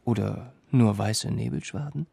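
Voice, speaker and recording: A man narrating a fairy tale with measured, dramatic telling. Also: lowish voice, creaky, dark tone, husky, dry recording. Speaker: storyteller.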